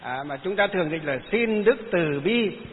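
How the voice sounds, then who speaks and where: A man with a northern Vietnamese accent giving a Buddhist sermon, asking rhetorical questions and answering them himself, with many drawn-out "à" fillers. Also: high-pitched, expressive. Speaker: Buddhist dharma teacher. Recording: tinny phone-like sound, hiss, long hall reverb.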